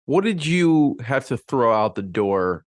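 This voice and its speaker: A man's voice: mid-range voice, very animated, unhurried, no room sound, clean studio sound. A male podcast host asking a guest curious follow-up questions. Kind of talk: interview questions.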